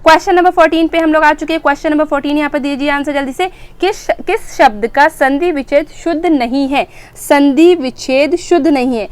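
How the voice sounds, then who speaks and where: A woman's voice: high voice, a little fast, hardly any pauses. A woman teaching an exam-prep grammar lesson, asking questions and answering them herself and repeating key words.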